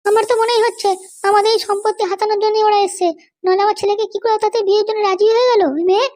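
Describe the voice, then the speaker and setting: In a comedy cartoon, a performer voices a bossy, suspicious, scheming middle-aged Bengali wife and mother with a childlike voice. The delivery is extremely high-pitched, flat, slightly mellow, and racing along as she nags, gives commands, and keeps demanding to be understood.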